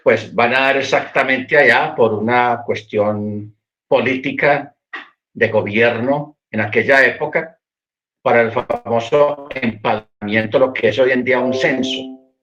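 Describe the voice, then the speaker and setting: A man's voice: mid-range voice, unhurried, a bit bright. Man teaching Bible study. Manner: storytelling, repeats words while searching for them. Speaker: Messianic Torah teacher. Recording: dull, lo-fi internet stream.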